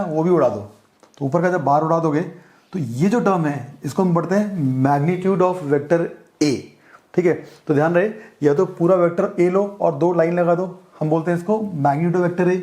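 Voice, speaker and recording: A man's voice: fairly high pitch, darkish tone. A man with an Indian accent teaching a physics lesson, explaining step by step and checking in with his students often. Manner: explains step by step, mixing English terms into Hindi, checks in often. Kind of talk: classroom-style lecture.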